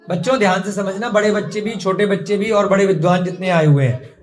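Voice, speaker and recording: A man's voice: high-pitched, steady tone, fairly quick, echoey room. A young man teaching a classroom lesson, patiently asking the class questions.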